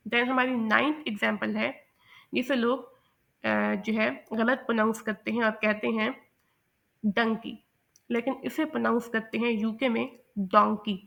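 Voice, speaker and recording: A woman teaching English pronunciation in a methodical lesson, mixing English terms into Hindi and repeating example words slowly. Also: a little high, vocal fry, bright, forceful tone. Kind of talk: explanatory lesson.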